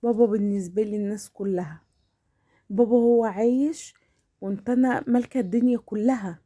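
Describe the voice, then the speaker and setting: Female home vlogger, Egyptian Arabic accent. Soft-edged, mellow tone, chatty and familiar, often restarting phrases mid-thought. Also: mid-range voice, brisk. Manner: hesitant, repeating and restarting words; familiar, addresses viewers as family. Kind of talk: casual chatty voice-over of household routine.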